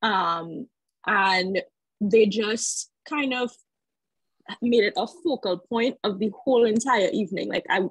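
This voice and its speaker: A woman's voice: mid-range voice, slow pace, breathy edge, no echo, low-quality recording. A woman from Trinidad, telling a personal story on a video call in a hesitant, reflective way. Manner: hesitant, reflective, many fillers. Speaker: call participant.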